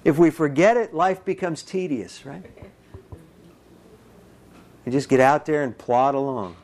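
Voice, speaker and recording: A man preaching a sermon, animated and folksy, acting out little voices and dialogue as he speaks. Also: fairly high pitch, a little slow. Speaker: pastor.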